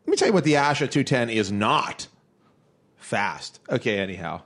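A man's voice: medium pitch, expressive, moderate pace, a bit bright, slight background noise. A man hosting a podcast in natural, unscripted casual chat, rambling and joking as he repeats his phrases. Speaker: podcast host.

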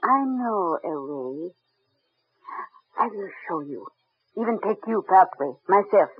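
An actress playing a kindly older French village widow with a French accent in old-time radio drama. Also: female voice, mid-range voice, sing-song, takes it slowly, slightly rough, dry recording, full character voice. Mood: hushed, earnest. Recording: tinny narrow vintage radio sound.

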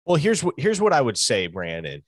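A man talking college football with conviction, laying out his argument like a recruiting pitch. His voice sits in an ordinary middle register. The sound is dry and close. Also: wildly swooping pitch, normal speed, dry recording. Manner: emphatic, speaks as if pitching to a recruit. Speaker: college football show host. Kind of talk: sports talk analysis.

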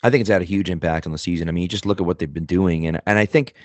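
A man's voice: deep voice, racing, no echo. A man with a mild Boston accent giving casual sports analysis as a podcast guest.

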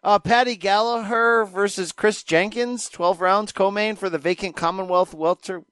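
Male boxing host, high voice, brisk wry delivery, dry close sound. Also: fairly even intonation, a bit bright, clear, resonant tone, dry recording. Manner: brisk, wry, rattling off listings. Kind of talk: casual boxing chat, reading a fight schedule.

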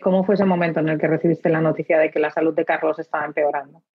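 A woman interviewer asking calm, gentle questions. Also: low-pitched, racing, husky, phone-quality sound.

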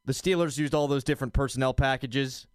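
Man, sports podcast host, casual talk, crisp clear voice, dry recording. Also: mid-range voice, fairly even intonation, fast talker, no echo.

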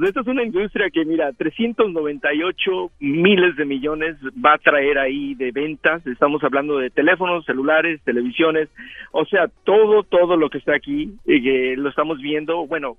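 A man's voice: on the high side, no echo. A man calling in to a radio show as a field reporter, chatty and enthusiastic, with joking asides. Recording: tinny, dry phone line.

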